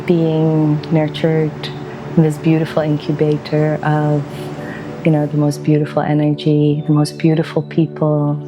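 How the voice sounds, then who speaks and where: A woman in her forties from Belgium, a wellbeing practitioner speaking slowly and gently in a reflective documentary voice-over, with pauses between thoughts. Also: low-pitched, completely flat delivery, background noise. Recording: voice-over with music underneath. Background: music.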